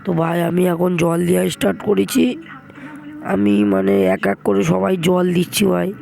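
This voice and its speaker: Hoarse young man vlogging casually. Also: high-pitched, lively intonation, unhurried, a little mellow, poor audio. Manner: chatty, addresses viewers as brother. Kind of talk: casual vlog narration.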